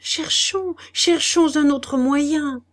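A woman's voice: fairly high pitch, lively intonation, normal speed, darkish tone, voice pushed up, close to an everyday voice. A woman voicing a frantic, nervous young husband in an audiobook, pleading feverishly. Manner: feverish, stammering pleas. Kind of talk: audiobook dialogue reading.

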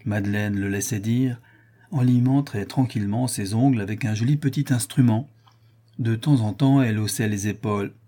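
A man reading a classic story aloud in an even, measured way. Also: fairly low pitch. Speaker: narrator.

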